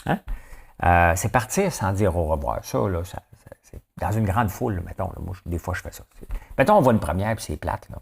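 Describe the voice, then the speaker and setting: Animated Québécois man, lively chat. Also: low-pitched, brisk, vocal fry, breathy edge. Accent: Québécois French. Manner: animated, chatty, keeps asking "hein?". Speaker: host of a live show. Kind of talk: casual chat to viewers.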